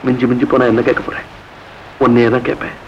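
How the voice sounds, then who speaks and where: A man's voice: mid-range voice, monotone, fast talker, highs cut off, a little hiss or hum, close to an everyday voice. An actor playing a charming young man who coaxes and pleads, in a 1970s film scene. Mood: coaxing. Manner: coaxing, pleading. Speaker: young businessman.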